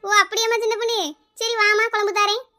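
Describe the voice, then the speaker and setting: Squeaky bright cartoon auntie, kanyakumari tamil accent, talks fast and fond. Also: female voice, little pitch movement, heavy background noise. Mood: teasing. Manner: coaxing, fond, keeps calling her by pet name. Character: kindly neighbour woman Gomathi, elder-sister type. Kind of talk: cartoon comedy dialogue.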